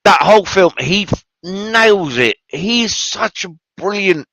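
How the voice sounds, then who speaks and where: A man's voice: sits high, expressive, slow, creaky, a bit bright, no echo, low-quality recording. A man hosting a show, giving casual, enthusiastic film commentary with rambling asides and free swearing. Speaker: podcast host.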